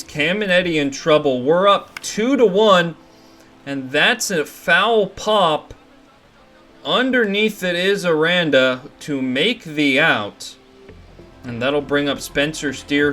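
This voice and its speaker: Young man, video game baseball commentary, slightly high voice, unhurried delivery, bursts of excitement, soft music behind. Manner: excited play-by-play calls on big plays. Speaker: gaming commentator.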